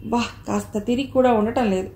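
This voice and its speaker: A woman's voice: a little high, fairly quick, lightly acted. Woman reading as a bitter proud young mother. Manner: sharp, sarcastic. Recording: roomy echo.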